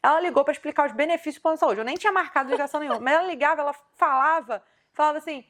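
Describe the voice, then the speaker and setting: A woman from Brazil, hosting a casual chat, telling animated, slangy stories and acting out the dialogue. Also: sits high, very fast. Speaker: host.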